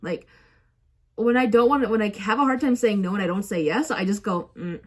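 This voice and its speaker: A woman's voice: mid-range voice, fairly quick. Rambling, self-mocking young woman vlogger. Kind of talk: casual storytelling vlog.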